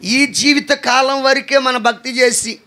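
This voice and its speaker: A male pastor preaching a sermon, telling stories with lively shouted emphasis and calling on the congregation to answer. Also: very high voice, slow. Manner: animated storytelling with shouted emphasis; asks the congregation to respond.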